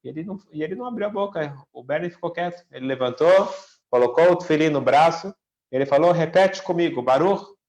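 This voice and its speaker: A man's voice: a little high, quick pace, darkish tone. A rabbi telling a story in a talk, raising his voice for the quoted lines. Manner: acts out the quoted lines with a lifted voice. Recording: echoey room.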